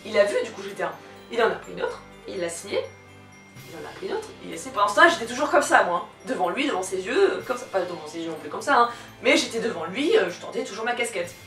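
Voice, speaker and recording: A woman's voice: mid-range voice, quick pace. Young woman storytelling in an echoey room, slightly cracking voice. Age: young adult. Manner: animated, giggly, blunt slangy delivery. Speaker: video creator telling personal anecdotes. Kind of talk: casual storytelling vlog. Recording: echoey room, distant microphone. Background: faint music.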